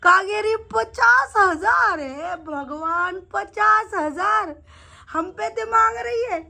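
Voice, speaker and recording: A woman's voice: very high voice, expressive, normal speed, sharp tone, pitched above the performer's own voice, full character voice. A woman voicing a playful boy deity who laughs as he talks. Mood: laughing teasing. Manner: laughing while talking, cheeky.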